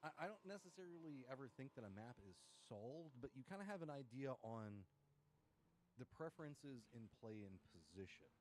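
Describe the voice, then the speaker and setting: A man's voice: medium pitch, animated, moderate pace, slight background noise. A man giving live esports commentary in loose, conversational phrasing.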